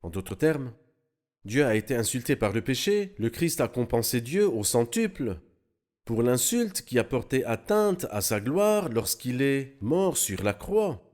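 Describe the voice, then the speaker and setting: A man explaining Bible passages in an animated, teaching manner during a studio discussion. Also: mid-range voice, measured pace.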